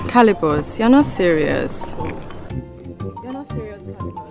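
A woman's voice: lowish voice, wildly swooping pitch, slow, gravelly, over music, heavily acted. A young woman playing a polite, inquisitive date in a comedy series, speaking in a coy, questioning way. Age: young adult. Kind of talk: comedy web series acting. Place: outdoors in a residential yard.

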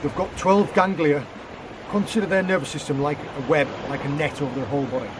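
A steady, high-leaning voice at a fairly quick pace belongs to a man in his thirties, heard against background noise. Working with his hands on a rocky beach, this guest forager gives a casual outdoor how-to, taking listeners through seafood prep one step at a time.

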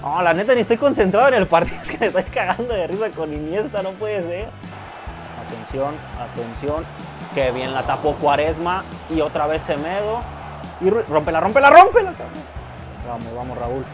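A young man with a Mexican accent commenting casually on his own football video game match, excitable, swearing and yelling when goals go in. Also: a little high, moderate pace. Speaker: gaming youtuber. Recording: loud music behind the voice.

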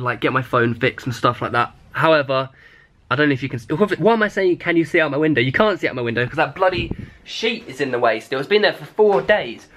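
A man's voice: mid-range voice, a bit bright, slight background noise. A young man with a British accent, chatting casually to a camera as a vlogger. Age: young adult. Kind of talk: casual vlog chat. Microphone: handheld camera at arm's length.

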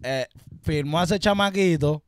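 A man's voice: a little high, measured pace, clean tone. A young man with a Puerto Rican accent, a guest who rambles and swears a lot in casual chat. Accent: Puerto Rican Spanish. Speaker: guest rapper.

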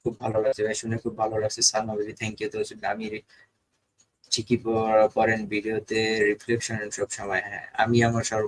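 A man's voice: on the low side, completely flat delivery, fairly quick, rough recording. A young Bangladeshi man hosting a casual live stream, reading viewer comments and often checking in with his audience. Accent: Bangladeshi Bengali. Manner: repetitive, keeps asking "ঠিক আছে?". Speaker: live-stream host of a ghost-hunting channel.

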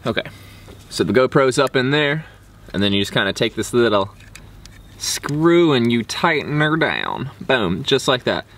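A young man in his 20s vlogs outdoors in a backyard and woods, giving a casual, slangy product review to camera. His medium-pitched voice is very animated and a bit bright, at a measured pace, with faint outdoor noise behind him.

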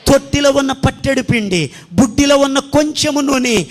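A man's voice: very high voice, normal speed. A male pastor preaching a sermon, acting out the pleas of Bible figures and calling the church to praise.

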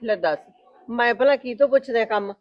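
A woman's voice: fairly high pitch, moderate pace, dull audio, close to an everyday voice. A woman playing a firm mother of the house. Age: middle-aged. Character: middle-aged mistress of the house, firm but kindly.

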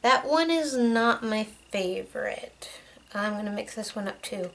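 A woman's voice: medium pitch, expressive, a little slow, gravelly, fairly bright tone, a little hiss or hum. A young woman chatting casually through a makeup vlog, rambling with lots of fillers. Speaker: beauty vlogger.

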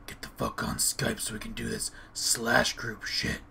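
A man's voice: medium pitch, level tone, measured pace, vocal fry, sharp tone, breathy edge. A man leaving an answering-machine message in a profane, mock-threatening whisper. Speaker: caller leaving a voicemail.

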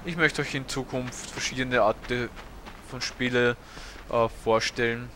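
A man's voice: medium pitch, fairly even intonation, a little slow, pushed and bright, slight background noise. A man, casually commentating a video game as a let's play host, hesitant and full of fillers. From Austria. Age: 30s. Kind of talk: gameplay commentary.

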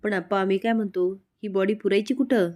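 An anxious village man, voiced by a woman narrator in a serial recap. He speaks in a hushed, worried way, in her own middle pitch. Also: steady tone, moderate pace, close to an everyday voice. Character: nervous village man hiding a body.

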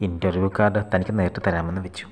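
A man reading the lines of a sly male job broker in a hushed, coaxing voice. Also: low voice, little pitch movement, fast talker, long reverb tail, close to an everyday voice.

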